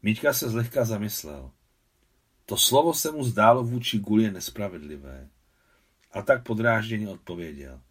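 A man narrating a novel aloud with expressive storytelling. His voice is lowish and slightly husky. The pitch rises and falls with lively movement. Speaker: translator reading his translation. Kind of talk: audiobook reading.

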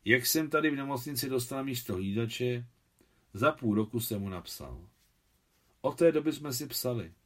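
A man reading a novel aloud, voicing a weary aging man who lives under a false name, in a quiet, confessional manner. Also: mid-range voice, lively intonation, close to an everyday voice.

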